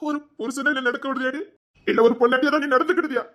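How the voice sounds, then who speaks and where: A man's voice: extremely high pitch, fairly even intonation, a bit bright. A man playing an aggrieved husband who scolds and then pleads with his wife in a web drama. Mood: angry scolding. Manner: reproachful, rapid nagging with repeated "di".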